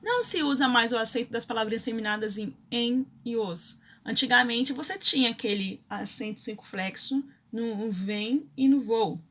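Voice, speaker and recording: A woman's voice: on the high side, moderate pace, hardly any pauses, fairly bright tone. A Brazilian woman teaching a grammar lesson, explaining rules step by step and often checking in with her students. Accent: Brazilian Portuguese.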